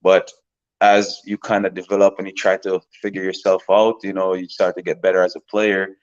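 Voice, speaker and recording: Man in his thirties, from Jamaica, very low voice, casual rambling talk, slightly dull lo-fi sound. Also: fairly quick, clean tone. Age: 30s. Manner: relaxed, rambling with many fillers and repeated words. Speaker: professional soccer player, guest.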